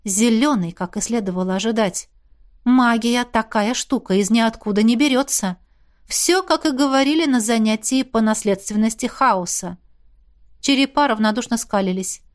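A woman reading a first-person fantasy novel aloud in an expressive, emotional storytelling manner. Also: a little high, moderate pace. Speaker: audiobook narrator.

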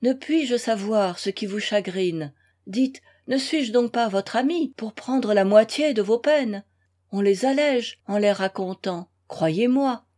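A woman reading aloud as a fond young wife in a storybook, coaxing her husband in an unhurried, earnest voice. The tone stays gentle and loving. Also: fairly high pitch.

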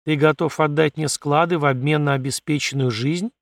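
A man voicing a calm, firm male leader of a valley who speaks bluntly. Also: fairly high pitch, normal speed, no room sound, natural voice.

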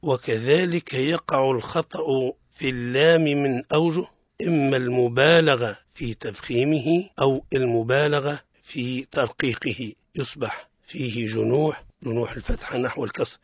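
A man's voice: mid-range voice, dry recording. Male radio teacher of recitation, corrects errors and demonstrates; muffled broadcast quality. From Tunisia. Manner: explains pronunciation errors, then models the correct form. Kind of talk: radio tajweed lesson. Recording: dull lo-fi radio sound.

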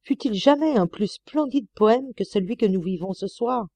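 A woman's voice: mid-range voice, animated, normal speed, mellow, no echo, pitched above the performer's own voice. A woman reading an imperious, lyrical male poet in an audiobook, lofty and declamatory. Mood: exalted.

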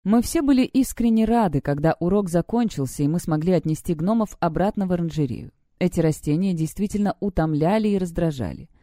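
A woman narrating a story in a steady, even reading voice. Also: fairly low pitch, brisk, few pauses, no echo, clean studio sound. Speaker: audiobook reader.

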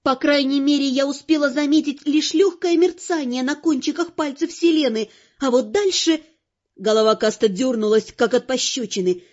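High, mellow woman's voice reading an audiobook with wry expression. The sound is dull and lo-fi, and her narration stays scripted throughout. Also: normal speed.

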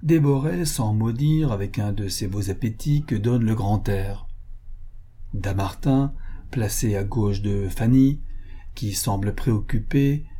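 Male audiobook narrator, mellow and husky, measured reading. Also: medium pitch. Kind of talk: scripted narration.

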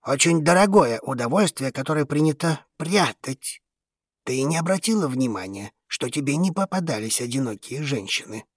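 A husky, gruff old space trader, voiced by a woman narrating a storybook. He is surly and dismissive, and his low voice swings widely in pitch. The read is close and dry. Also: animated, normal speed, no echo, full character voice. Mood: cynical.

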